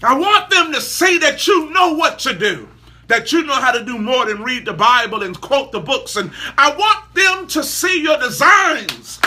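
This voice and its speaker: A man preaches with a high, very lively voice. His tone is bright and forceful. He is emphatic, rising to shouts and dropping to quiet asides, often with a laugh. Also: measured pace, a little hiss or hum. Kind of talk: sermon.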